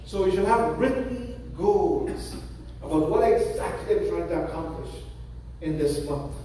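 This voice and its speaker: A man's voice: fairly high pitch, expressive, measured pace, warm tone, a little hiss or hum. A man, an imam, giving a Friday sermon in a mosque, talking in a practical, conversational way with frequent restarts. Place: large mosque prayer hall. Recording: echoey hall from far off.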